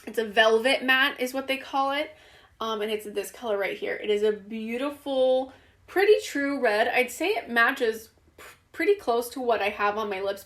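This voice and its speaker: A woman's voice: on the high side, a bit bright. A woman giving a casual, chatty lipstick review, with fillers and restarts, her voice a bit worn. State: losing her voice. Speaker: beauty vlogger.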